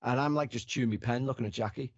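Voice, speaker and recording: A man telling anecdotes in relaxed, chatty conversation, at a medium pitch. He acts out each quote and swears casually. His voice is recorded close and dry, with no room sound. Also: fast talker, dry recording, highs cut off. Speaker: podcast guest or host. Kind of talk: casual chat, storytelling.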